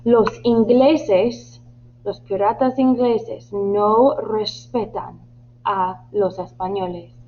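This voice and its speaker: A woman's voice: mid-range voice, fairly even intonation, drawn-out words. A woman voicing a frustrated male ship captain who barks impatient orders, over a tinny lo-fi line. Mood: commanding. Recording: tinny lo-fi line with faint hum.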